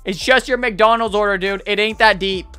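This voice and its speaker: This man in his 20s is a reaction video host whose high-pitched voice comes across bright, forceful and smooth, with a steady tone at normal speed. He's close on a boom-arm mic in a small home studio, tossing out casual, incredulous, slang-filled exclamations as faint music plays behind.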